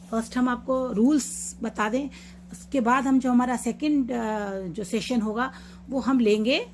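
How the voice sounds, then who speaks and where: Woman teaching spelling, slow and patient. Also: fairly high pitch, dark tone, a little hiss or hum. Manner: explains patiently, repeats example words slowly. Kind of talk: online lesson mixing Hindi and English.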